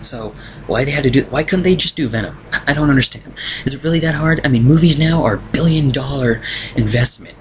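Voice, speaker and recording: A man's voice: medium pitch, fairly quick, rough recording. A young man casually reviewing a film from a room at home, exasperated and ranting. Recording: noticeable background noise.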